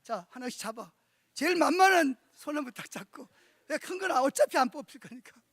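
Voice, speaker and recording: A middle-aged male pastor preaches a sermon at a church conference, telling stories animatedly and often posing rhetorical questions to the congregation. His voice is extremely high-pitched and brisk, captured on a dry, studio-quality recording.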